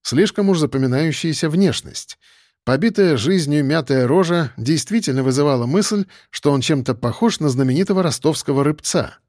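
A man reading a first-person crime audiobook in an even storytelling delivery. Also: on the high side, normal speed, no room sound, studio quality. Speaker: audiobook narrator. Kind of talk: scripted first-person narration.

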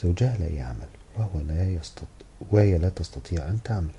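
A man narrating a novel in the first person with a steady, brisk literary reading. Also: low voice, a little hiss or hum. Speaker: audiobook narrator.

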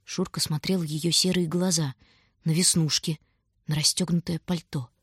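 A woman's voice: low-pitched, moderate pace, husky, no echo, clean studio sound. A woman reading a story aloud as an audiobook narrator, telling it expressively in scripted narration. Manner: expressive storytelling, voicing every character.

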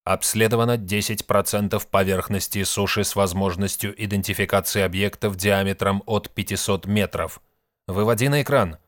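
A man reading an audiobook, voicing a ship's computer with a flat, mechanical, measured delivery. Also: fairly low pitch, no room sound, clean studio sound, lightly acted. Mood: monotone report.

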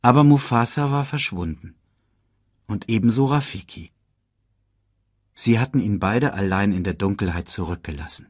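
A man reading a children's storybook aloud in an expressive, dramatic way. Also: on the low side, moderate pace, pauses often, husky, no room sound, studio quality. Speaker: audiobook narrator.

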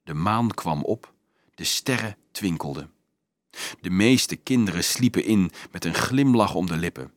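Low-voiced man reading a storybook. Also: expressive, unhurried, no echo. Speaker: audiobook reader. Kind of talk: reading a children's novel aloud.

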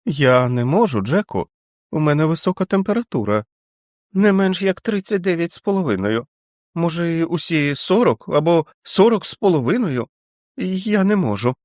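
A man's voice: fairly high pitch, big pitch swings, normal speed, darkish tone, dry recording, studio quality, pitched above the performer's own voice. A man voicing a feverish, frightened teenage boy who pleads tearfully like a small child. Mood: feverish insistent.

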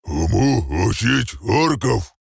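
A hulking orc, low, raspy, gravelly, slow broken speech, dry audiobook. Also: male voice, very animated, no room sound, heavily acted. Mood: menacing. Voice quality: gravelly, husky, broken grammar. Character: huge brutish male orc, slow and menacing.

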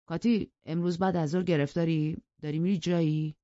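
A woman's voice: low-pitched, steady tone, mellow, dry recording, lo-fi sound, lightly acted. Woman voicing sullen brooding Heathcliff. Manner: blunt, resentful. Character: brooding sullen young farmhand man.

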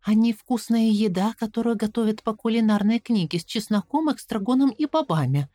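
A woman's voice: on the high side, fairly quick, warm tone, dry recording, studio quality, pitched above the performer's own voice, natural voice. A woman narrator voicing Coraline, a clever, stubborn young girl, defiant and questioning. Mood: worried asking.

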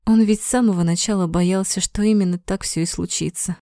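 Mellow-voiced woman narrating an audiobook. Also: mid-range voice, fairly even intonation, fairly quick, no room sound, studio quality.

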